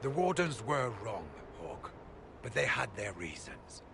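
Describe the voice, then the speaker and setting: An actor playing a sombre, dutiful warrior in a video game, speaking gravely and respectfully. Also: male voice, mid-range voice, sing-song, a little slow. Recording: clear background ambient noise.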